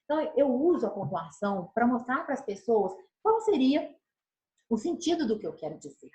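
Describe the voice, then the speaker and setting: Lively woman teaching on video. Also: a little high, normal speed, echoey room, lo-fi sound. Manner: animated, gestures while explaining; acts out tones of voice as examples. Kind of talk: recorded video lesson. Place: room, recording alone.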